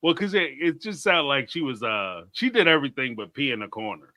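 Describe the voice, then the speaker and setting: Bright, animated man on a live chat stream. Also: medium pitch, a little fast, dry recording. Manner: jokey, animated, reads viewer messages aloud. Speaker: co-host of a reality TV discussion stream.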